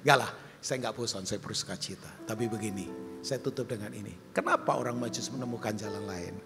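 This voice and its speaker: A male pastor preaching a sermon, animated and humorous, jumping high for questions and quoted voices and dropping low and soft for appeals. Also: fast, creaky, over music. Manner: humorous storytelling with asides to the congregation. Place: large church hall. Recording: long hall reverb.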